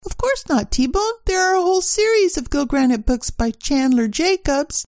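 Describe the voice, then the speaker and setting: A sassy secretary who loves to give orders. Her voice is very high and creaky, recorded dry. She throws slang around in comic radio-play style. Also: animated, normal speed, a little mellow, dry recording. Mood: eager storytelling. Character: bossy, sassy female secretary steeped in detective slang.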